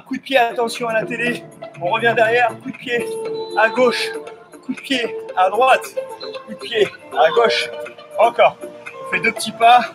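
A middle-aged man coaching a cardio workout with energetic, urging short commands while exerting himself. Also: very high-pitched. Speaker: fitness coach leading a workout. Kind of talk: live home cardio workout instruction. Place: outdoors in front of a house. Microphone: camera a few metres away. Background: workout music.

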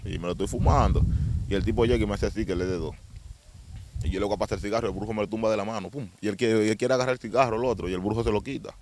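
A young man telling his testimony in a rapid, streetwise way, often asking if he's understood. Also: fairly low pitch, fairly even intonation, a little mellow, a little hiss or hum. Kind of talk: casual storytelling testimony.

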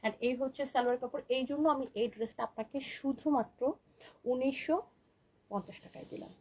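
High-voiced woman selling dresses live. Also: steady tone, a little fast, a little mellow, breathy edge, low-quality recording. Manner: chatty, keeps asking "okay?", mixes English words into Bengali. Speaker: online boutique owner selling dresses live. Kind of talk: live-stream sales pitch, reading viewer comments.

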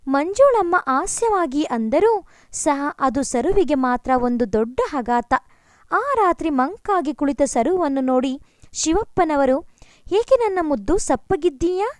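Woman narrator, storybook reading, expressive, high voice, dry sound. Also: takes it slowly, no room sound.

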